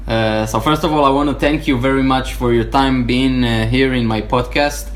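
A man's voice: medium pitch, steady tone, moderate pace, a little hiss or hum. A young man with an Israeli accent who hosts a podcast and asks questions hesitantly, with frequent fillers. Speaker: podcast host. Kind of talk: podcast interview.

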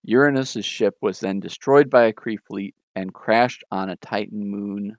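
A man hosting a casual podcast, retelling comic book history in a relaxed way with frequent ums and small chuckles. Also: fairly low pitch, a little slow, dry recording. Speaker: podcast host.

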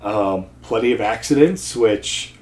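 A man's voice: fairly low pitch, unhurried. A man, a guest, chatting casually with dry, self-deprecating humor and frequent restarts. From New Jersey. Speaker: podcast guest, seminary student and accountant. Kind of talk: casual chat. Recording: echoey room.

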